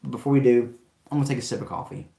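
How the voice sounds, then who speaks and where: A fragrance live stream host chats enthusiastically and rambles while reading viewer comments, his voice giving out after a long stretch of talking. He speaks very fast at medium pitch, with a creaky, dark tone and a roomy sound.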